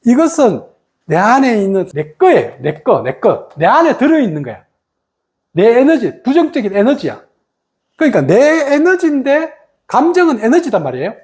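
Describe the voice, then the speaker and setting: Woman meditation teacher, very expressive pitch, acts out quoted lines mid-lecture. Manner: animated, acts out quoted speech of others. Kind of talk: meditation lesson talk.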